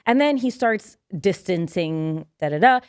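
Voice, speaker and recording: A young woman co-hosting a podcast, retelling a story in a lively, rambling way and swearing freely, recorded in a studio. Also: lowish voice, measured pace, smooth, no room sound. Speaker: podcast co-host. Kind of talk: casual chat.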